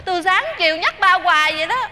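A young woman playing an excitable, pleading girlfriend in a stage comedy sketch. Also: very high voice, quick pace, full character voice. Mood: coaxing. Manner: pleading, chatty, laughing often.

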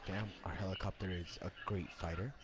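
Deep-voiced man joking as mock commentator. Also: steady tone, brisk. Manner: playful, swearing, banter with co-hosts. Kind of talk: joking mock sports commentary over gameplay. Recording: loud background noise.

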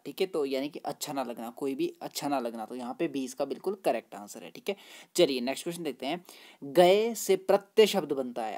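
A man's voice: a little high, darkish tone. A friendly male teacher walks through exam questions one at a time in a chatty tutorial voice. He fills his explanations with "ठीक है" and "दोस्तों" and explains each answer patiently.

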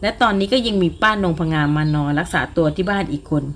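A woman narrating a romance novel as an audiobook, telling the story in a smooth, even way. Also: lowish voice, fast talker, a little hiss or hum.

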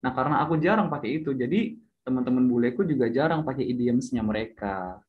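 A man's voice: mid-range voice, lively intonation, fast, slight background noise. A young man in casual chat, explaining things while often stopping to correct himself. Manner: chatty, hesitant, self-correcting with fillers. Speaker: speaker sharing English tips. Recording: slightly dull lo-fi audio.

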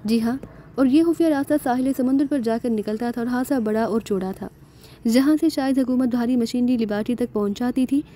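A man's voice: very high voice, brisk, warm tone. A woman voicing a proud, obliging older man who explains things at length.

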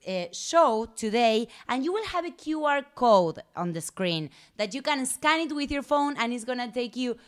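A woman hosting a live stream and giving announcements in earnest, non-native English. She speaks slowly, and her voice is smooth and clear. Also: a little high, animated.

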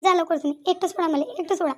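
A woman's voice: very high voice, fairly even intonation, racing. A woman voicing a young newlywed daughter-in-law in a cartoon who complains plaintively and repeats herself, with a Vidarbha Marathi accent. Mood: angry, upset. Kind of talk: cartoon voice acting.

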